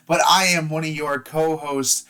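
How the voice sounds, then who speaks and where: A man's voice: on the high side, fairly even intonation, a little slow, bright, forceful tone, clear, resonant tone. A man co-hosting a casual sports podcast from home over the internet. He rambles and repeats words as he restarts his sentences. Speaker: podcast co-host. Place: at home in Ohio, talking remotely. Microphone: remote podcast mic over the internet.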